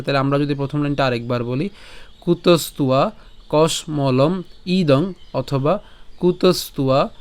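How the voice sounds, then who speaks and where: A man leads a pronunciation lesson on scripture verses, with a somewhat high and very smooth, resonant voice. He poses questions and answers them himself. He draws out each verse in a slow chant. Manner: asks and answers his own questions, drawn-out chanted recitation. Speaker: scripture recitation teacher.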